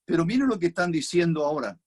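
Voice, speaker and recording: A man's voice: on the high side, expressive, fast talker, a little mellow, slightly rough. A man with a Chilean Spanish accent preaching an expository sermon, reflective and repeating key phrases for emphasis.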